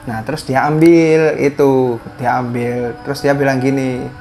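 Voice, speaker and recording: A man's voice: mid-range voice, steady tone, normal speed, crowd noise. A man, a guest telling a story in casual talk, hesitant and full of fillers and restarts.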